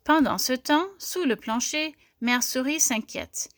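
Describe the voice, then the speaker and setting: A woman reading a children's story aloud in a clear, gentle storytelling manner. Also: sits high, measured pace, slight background noise.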